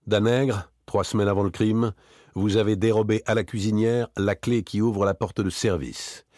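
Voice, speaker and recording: A man's voice: on the low side, fairly even intonation, moderate pace, darkish tone, dry recording, clean studio sound, natural voice. A man voicing a cold, relentless former police inspector, talking dryly, hard and with precision. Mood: accusing.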